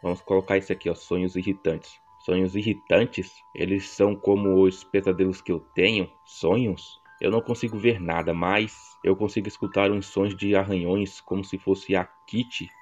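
Brief: young São Paulo man, low voice, reads a story game aloud with slangy asides, slightly dull recording with faint music behind. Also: steady tone, moderate pace, few pauses. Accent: São Paulo Portuguese. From Brazil. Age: 20s. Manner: casual, slangy asides to viewers. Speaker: gameplay narrator.

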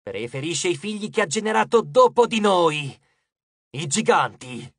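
A man playing a calm, low-voiced gentle Titan. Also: no room sound, studio quality, full character voice. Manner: slow, measured, quietly firm. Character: gentle, weary male Titan of the West, now a janitor.

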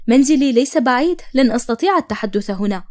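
A woman voicing Salem, a steady young man in a cartoon story, in measured storybook narration. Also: sits high. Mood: urgent.

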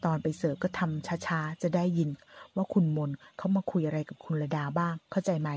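Low husky woman reading a drama novel aloud. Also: steady tone, brisk, a little mellow, no room sound. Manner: reads narration and voices all characters' lines in one voice. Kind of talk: audiobook narration with character dialogue.

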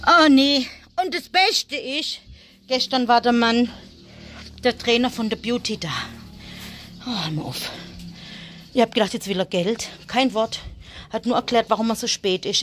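A woman, chatting casually for a family vlog as she talks to her animals and sometimes drops into soft muttering. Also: medium pitch, fairly even intonation, moderate pace, slight background noise. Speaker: family vlogger. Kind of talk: casual vlog chat while looking after rabbits.

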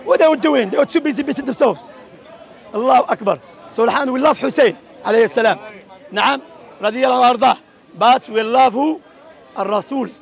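A man from Algeria preaches in a heated street debate with a strikingly high, gravelly voice. He talks fast and forcefully, dropping Arabic quotations into his English. A faint crowd murmurs around him outdoors. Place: outdoors at a public speaking corner.

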